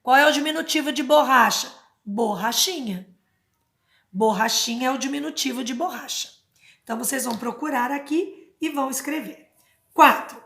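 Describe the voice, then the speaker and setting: A woman teacher giving a slow, patient grammar lesson to children, sounding out words syllable by syllable and checking in with short questions. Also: high voice, gravelly, a bit bright, roomy sound. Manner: checks understanding with tag questions.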